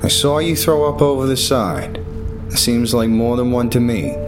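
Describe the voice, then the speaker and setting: A man's voice: medium pitch, animated, moderate pace, over music, pitched above the performer's own voice, natural voice. A man doing a sly young ship steward. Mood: sly, soothing. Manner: customer-service politeness with a teasing edge.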